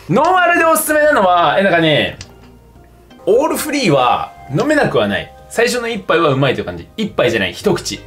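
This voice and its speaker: A man's voice: sits high, wildly swooping pitch, normal speed, fairly bright tone. A tipsy young man chatting casually and rambling in slangy speech as he livestreams a game over drinks. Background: game music.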